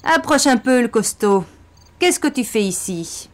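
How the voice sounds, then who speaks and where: Storybook bully: woman plays a taunting teen gang leader, pitched up high and loud, slow and sneering. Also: wildly swooping pitch, clear, resonant tone. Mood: mocking. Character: menacing red-haired teenage gang leader, mocking.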